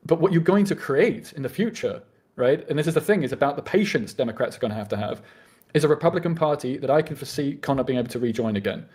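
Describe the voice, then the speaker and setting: A man's voice: fairly high pitch, lively intonation, darkish tone. A man with a British accent making an earnest debate argument, often restarting his sentences. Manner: fast and earnest, with frequent restarts.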